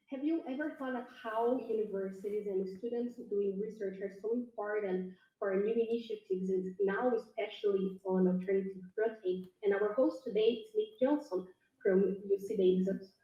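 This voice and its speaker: A woman's voice: mid-range voice, fairly even intonation, moderate pace. Woman narrating from a distance. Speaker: video narrator. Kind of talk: scripted narration. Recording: distant, dull, echoey.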